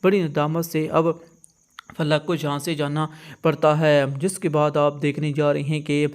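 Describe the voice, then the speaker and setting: A man retelling the plot of a TV drama episode in a steady, monotone narration. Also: on the high side. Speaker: drama story explainer.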